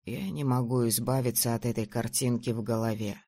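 A reader voicing a tired, tender young man, speaking quietly and slowly in an audiobook, recorded close and dry. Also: medium pitch, fairly even intonation, dry recording, voice pushed down, natural voice. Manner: quiet, slow and heartfelt. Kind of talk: audiobook reading.

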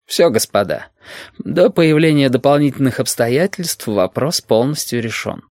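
A man voicing a bearded chairman who speaks slowly and drily, weighing his words, in an audiobook. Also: medium pitch, lively intonation, dry recording, voice pushed up, lightly acted. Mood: formal. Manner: slow, weighing words, dry. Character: slow, authoritative bearded male chairman. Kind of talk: audiobook character voice.

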